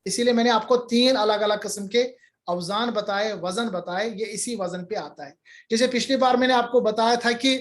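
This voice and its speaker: A man's voice: high-pitched, moderate pace. A male teacher giving an online grammar lecture, patiently repeating examples and answering student questions.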